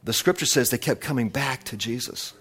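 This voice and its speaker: A man preaching a sermon, retelling scenes in an animated storytelling way with many restarts. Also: medium pitch, fairly quick, husky.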